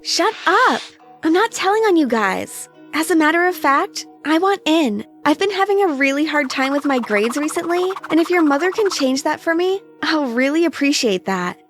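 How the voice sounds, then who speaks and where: A scheming teenage girl, voiced by a woman, snaps and mocks in a high voice that leaps around. Soft music plays under her lines in an animated story. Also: moderate pace. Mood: scornful. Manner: sharp, mocking. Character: scheming teen girl, sharp and spiteful.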